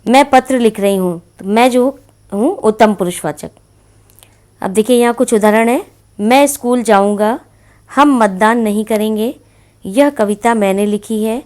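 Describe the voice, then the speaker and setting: A woman's voice: mid-range voice, darkish tone. A woman teacher giving a grammar lesson to children, patiently explaining with many repeated examples. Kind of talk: classroom-style grammar lesson.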